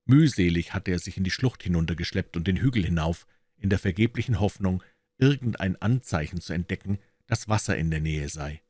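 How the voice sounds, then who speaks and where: Man, audiobook narrator, very low voice, dry close recording, measured storytelling. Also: animated, a little mellow, no room sound. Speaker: audiobook reader. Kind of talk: scripted narration.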